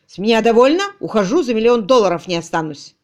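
A woman voicing an enraged young male tutor who yells indignantly. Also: on the high side, sing-song, fairly quick. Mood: furious. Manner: yelling, indignant.

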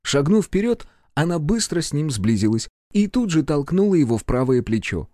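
A man narrating a novel chapter as an audiobook in steady storytelling. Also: a little high, moderate pace, dry recording, clean studio sound.

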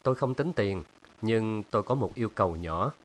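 A suave older collector who speaks calmly and with quiet authority, read by a male narrator. His voice stays lowish and even. It is a storybook reading. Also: natural voice. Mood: assured. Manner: smooth, assured and unhurried.

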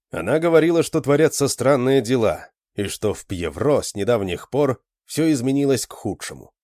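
Expressive male audiobook narrator. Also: medium pitch, dry recording, clean studio sound. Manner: lively expressive storytelling. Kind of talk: audiobook reading.

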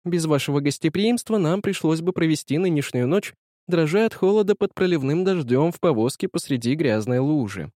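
Мужчина изображает бойкую молодую актрису. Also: male voice, a little high, expressive, brisk, warm tone, no echo, clean studio sound, pitched above the performer's own voice, natural voice. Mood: lively protest. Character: lively young actress, a stage soubrette.

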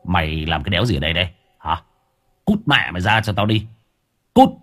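A man's voice: deep voice, animated, fairly quick, a bit bright, breathy edge, faint music behind, pitched below the performer's own voice, exaggerated voice. A man voicing a demon-possessed husband who snarls threats and stammers when afraid in an audio storybook. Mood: snarling.

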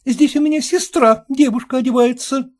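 A man's voice: extremely high pitch, normal speed, pitched above the performer's own voice. An indignant young landlady, as a man puts her on. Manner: sharp, offended protest.

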